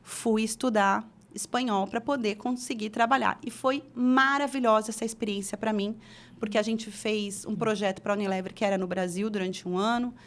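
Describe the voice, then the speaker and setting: A middle-aged Brazilian woman describes her career during an interview, speaking at normal speed in a medium-pitched, steady voice. She's chatty and keeps restarting, with plenty of fillers.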